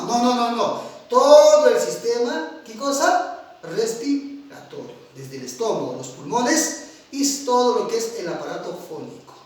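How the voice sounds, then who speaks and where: A middle-aged male teacher giving an online lecture, animated, swinging between loud and quiet, often asking his students if they follow. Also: extremely high pitch. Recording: very echoey room, voice from far off.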